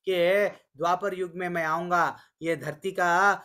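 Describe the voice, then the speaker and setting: A man teaching a scripture class online, telling stories and slowly chanting verses. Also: high-pitched, steady tone, sharp tone. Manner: storytelling, voices quotes of deities and sages. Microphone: online call.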